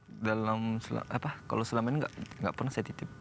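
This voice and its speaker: A man from Indonesia, a single father, talks casually as a radio guest, pausing and restarting as he searches for words. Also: on the low side, little pitch movement, vocal fry, slight background noise. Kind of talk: casual interview talk. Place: radio studio.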